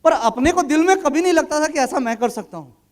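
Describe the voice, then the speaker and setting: A man's voice: extremely high pitch, lively intonation, fairly quick. A man in his thirties speaking at a business event, telling a motivational personal story in a casual, colloquial way and acting out the dialogue in his anecdotes.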